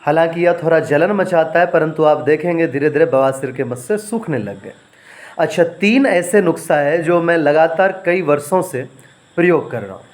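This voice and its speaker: A man teaching home remedies, dictating ingredient lists slowly and repeating and spelling out words for listeners to write down. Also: a little high. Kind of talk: instructional home-remedy talk.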